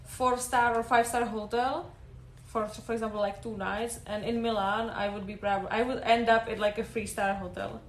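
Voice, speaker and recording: A woman's voice: on the high side, fairly bright tone. Chatty woman in an echoey room. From Czech Republic. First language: Czech. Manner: chatty, leans on "like". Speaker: podcast guest. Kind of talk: casual podcast chat. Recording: echoey room, faint background noise.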